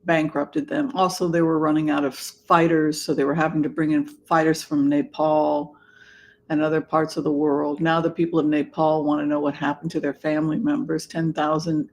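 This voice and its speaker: A livestream host chatting casually with viewers in a theatrical, camp manner, with halting, drawn-out phrasing. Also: medium pitch, little pitch movement, slight background noise. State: allergies, occasional throat clearing. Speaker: livestream host and tarot reader.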